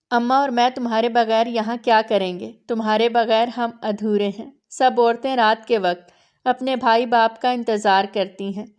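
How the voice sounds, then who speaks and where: A woman's voice: fairly high pitch, darkish tone, clear, resonant tone, natural voice. A woman narrator voicing a young bride who begs her brother tearfully not to leave. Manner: pleading, tearful delivery.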